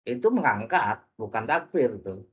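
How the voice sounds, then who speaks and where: A man teaching a religious class, lively and joking, often putting questions to his listeners. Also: mid-range voice, moderate pace, breathy edge. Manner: lively, jokey, asks the audience questions. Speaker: preacher. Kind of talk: interactive religious lesson. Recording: dull lo-fi recording.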